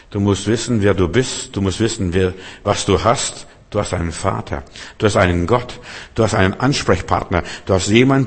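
Emphatic low-voiced male preacher in a reverberant hall. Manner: emphatic, addresses listeners directly with repeated "weißt du". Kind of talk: sermon.

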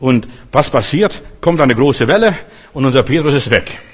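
A male pastor preaching a sermon, repeating key phrases emphatically and swinging between loud calls and quiet asides. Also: medium pitch, animated, normal speed, husky.

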